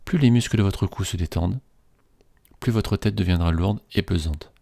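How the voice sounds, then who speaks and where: A man slowly reading a guided relaxation script in a soothing, measured way. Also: low-pitched, creaky, mellow, no room sound.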